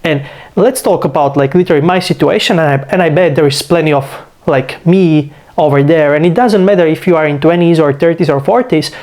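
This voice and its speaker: His voice is fairly high with a darkish tone, and he speaks a little fast. The twenty-something Slovak vlogger, feeling somewhat ill, rambles casually in Slovak-accented English, padding his monologue with "like" and "you know."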